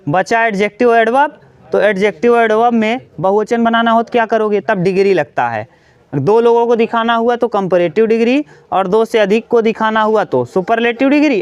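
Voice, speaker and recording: High, clear-voiced man teaching grammar. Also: lo-fi sound. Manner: addresses students directly, repeats examples slowly. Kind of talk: classroom grammar lesson.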